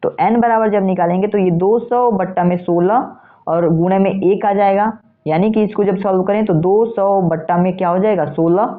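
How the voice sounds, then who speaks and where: A man's voice: high voice, fairly even intonation, moderate pace. A male physics teacher talks through an exam problem step by step. He asks questions and answers them himself, and keeps checking in with the listener. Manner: repeats steps, with frequent "theek hai" checks. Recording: tinny phone-like sound.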